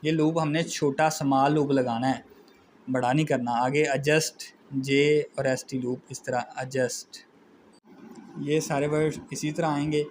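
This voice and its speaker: A man's voice: on the high side, steady tone, measured pace, slight background noise, low-quality recording. A man with a Pakistani Urdu accent giving a methodical shorthand lesson, spelling out letters one at a time. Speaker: shorthand teacher. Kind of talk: classroom lecture explaining shorthand strokes.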